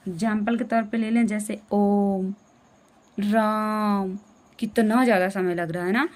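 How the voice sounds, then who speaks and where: A woman's voice: mid-range voice, fairly quick, darkish tone. A woman teaching a classroom lesson, explaining step by step, asking questions back and checking understanding again and again.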